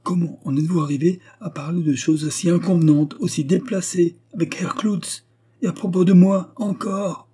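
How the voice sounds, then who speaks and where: A man's voice: high-pitched, fairly even intonation, moderate pace, warm tone, husky, voice pushed up. A man reading an audiobook, voicing a stern, indignant young woman of twenty-five who scolds severely. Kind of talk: audiobook character voice.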